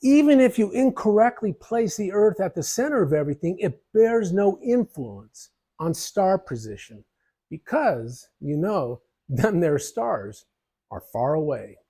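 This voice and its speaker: A man presenting an illustrated history lesson, explaining in a lively, jokey way with casual asides. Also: high-pitched, a little slow, slightly rough. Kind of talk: narrated history lesson over slides.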